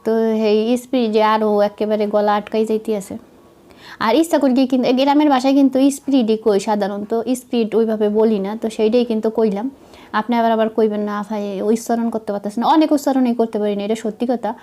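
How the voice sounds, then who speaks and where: A young woman with a Madaripur Bengali accent, chatting to viewers while she cooks, slightly hoarse from a cold and making fun of herself. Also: on the high side, steady tone, fast, warm tone. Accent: Madaripur Bengali dialect. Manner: chatty, self-mocking, talks to viewers while cooking. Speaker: vlogger. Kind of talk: casual cooking vlog narration.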